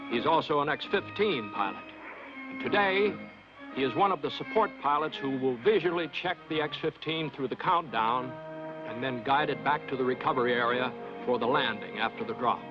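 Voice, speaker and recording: A man delivering measured, formal scripted narration in a documentary style. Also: medium pitch, expressive, over music. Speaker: film narrator. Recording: dull old film soundtrack.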